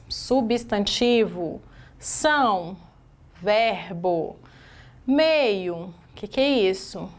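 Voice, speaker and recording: Brazilian woman teaching grammar, higher voice. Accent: Brazilian Portuguese. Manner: explains word by word, asks the class rhetorical questions. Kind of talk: exam-prep grammar lesson.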